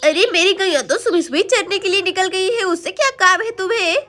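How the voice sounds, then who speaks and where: An easygoing village neighbor woman answers in a soft, drawn-out way, high and bright, as a woman puts her on. She sounds like a cartoon storybook side character.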